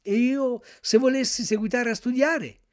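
A man voicing a cheeky, quick-tempered wooden puppet boy who speaks in a high, petulant way.

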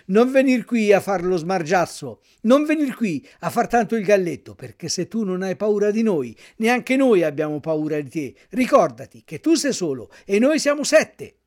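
Man doing loud taunting schoolboy bullies. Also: sits high, very animated, normal speed, few pauses. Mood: threatening. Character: gang of rough boy truants, bullying.

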